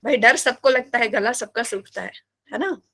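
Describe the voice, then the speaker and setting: A woman teaching biology in a live class, animated and playful, often asking her students questions. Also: fairly high pitch, moderate pace.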